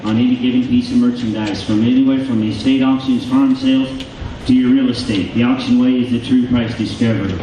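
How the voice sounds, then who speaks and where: An American man, an auctioneer in competition, formally addressing an audience in a halting way, repeating words. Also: mid-range voice, steady tone, mellow, far from the mic. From Nebraska, United States. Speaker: auctioneer, championship contestant. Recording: very echoey hall from afar, faint noise.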